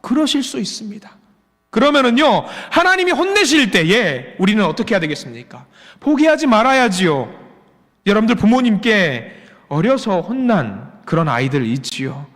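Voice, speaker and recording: A male pastor preaching a Sunday sermon in an animated way, with dramatic pauses and shifts between fast and slow. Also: sits high. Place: church sanctuary. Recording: long reverb of a church hall.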